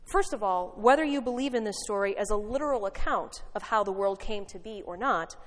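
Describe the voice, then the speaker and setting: A woman pastor giving a sermon, telling a story in an animated, wry way. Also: medium pitch, brisk, long reverb tail.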